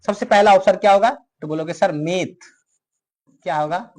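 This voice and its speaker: A man's voice: high voice, fast, a little mellow. A male teacher with a north Indian Hindi accent, giving a chemistry lecture that repeats each question and answers it himself for the class. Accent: Hindi-speaking north Indian. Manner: repetitive question-and-answer drilling.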